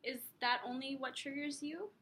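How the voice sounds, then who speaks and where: A young woman with a high, bright voice works through a role-played phone counselling interview. She phrases questions tentatively and checks back on answers, with noise audible behind her. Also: fairly even intonation, normal speed. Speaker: counsellor intake worker in a practice role play. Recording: clear background noise, room ambience.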